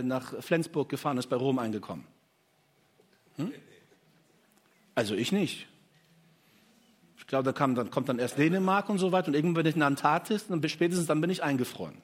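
A man preaching a sermon to a congregation, stressing the verses he quotes, with many restarts and asking the room "right?". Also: a little high. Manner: addresses congregation with "hey", "oder?", "ja?".

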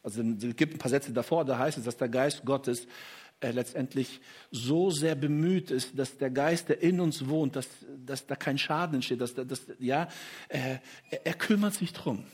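A man's voice: mid-range voice, moderate pace, a little mellow, husky. A man preaching a sermon to a congregation, stressing the verses he quotes, with many restarts and asking the room "right?". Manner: addresses congregation with "hey", "oder?", "ja?".

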